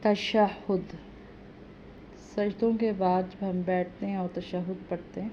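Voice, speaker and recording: A woman teaching correct prayer recitation, chanting each verse slowly and then explaining it quickly and quietly. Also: medium pitch, steady tone. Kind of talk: tajweed lesson with slow chanted recitation. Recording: slightly dull audio with faint background noise.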